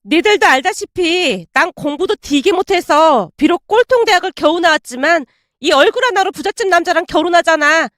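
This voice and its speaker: A woman's voice: extremely high pitch, expressive, a little fast, fairly bright tone, no echo, clean studio sound, pitched above the performer's own voice. A woman voicing an arrogant, spoiled young woman who mocks and bosses an old classmate in a storybook drama. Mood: sneering. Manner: mocking, condescending, bossy.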